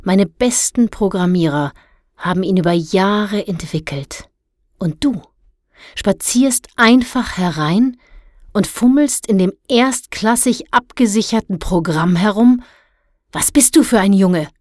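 A woman reading a storybook, voicing a loud, domineering male amusement park boss who booms and bosses people around. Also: measured pace, no echo, clean studio sound. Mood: indignant. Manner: booming, bossy, overbearing.

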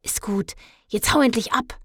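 A woman voicing a gruff, bossy male jungle creature who snaps curtly, in a children's storybook reading. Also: on the high side, normal speed, a bit bright, no echo, pitched above the performer's own voice. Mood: snapping. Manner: snapping, curt, urgent.

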